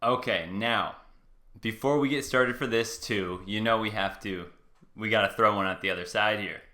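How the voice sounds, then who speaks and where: Male stream host, bright tone, loose and chatty delivery. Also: fairly low pitch. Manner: loose, chatty, quick bursts. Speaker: host reacting to a debate video. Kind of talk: casual commentary to a live chat.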